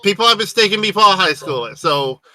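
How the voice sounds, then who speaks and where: A man's voice: high voice, expressive, fast talker, sharp tone. A man hosting a casual online panel, talking hesitantly with many fillers and restarts. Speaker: panel host.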